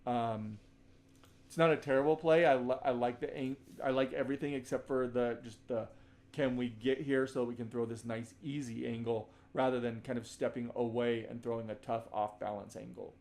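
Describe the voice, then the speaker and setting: A man breaking down basketball game film as a coach, talking conversationally, often restarting sentences and now and then shouting out example calls. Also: mid-range voice, fairly even intonation, moderate pace.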